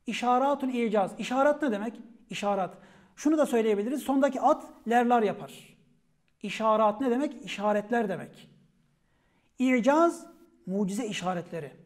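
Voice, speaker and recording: High-voiced man teaching word roots. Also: brisk. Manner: calls out each word sharply, then explains it in a quieter, falling voice. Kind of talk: vocabulary lesson on Ottoman Turkish word roots.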